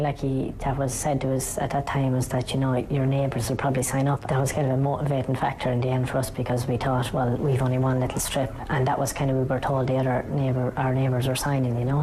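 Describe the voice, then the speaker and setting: An Irish man in an interview whose voice has been disguised by lowering its pitch. He answers haltingly, with many fillers and restarts. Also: little pitch movement, background noise. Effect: voice disguised, pitched down very low. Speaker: anonymous farmer interviewee.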